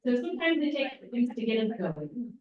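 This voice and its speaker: A woman's voice: fairly high pitch, sing-song, brisk, a little hiss or hum. Southern-accented woman leading a meeting. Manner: chatty, rambling. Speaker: trip meeting leader. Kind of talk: casual group meeting talk. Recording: echoey dull room audio from far off.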